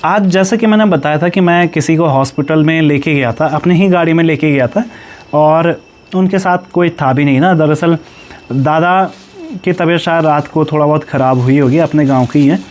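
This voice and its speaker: A young man with an Uttarakhand Pahadi accent, chatting loudly and quickly as a family vlogger telling stories at home. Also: on the high side. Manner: talks loud and fast, storytelling. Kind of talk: casual family vlog chat.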